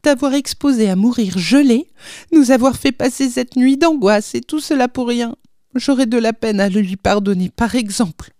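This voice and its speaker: A woman voicing an anxious young mother, speaking in a high, agitated, exclaiming way. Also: unhurried, warm tone, no room sound, studio quality. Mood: indignant.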